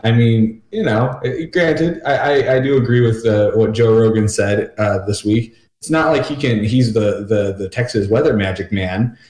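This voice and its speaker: A man's voice: lowish voice, moderate pace, hardly any pauses, a little mellow. A young man co-hosting a casual podcast, joking and self-deprecating. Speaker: podcast co-host. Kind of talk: casual chat. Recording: echoey room.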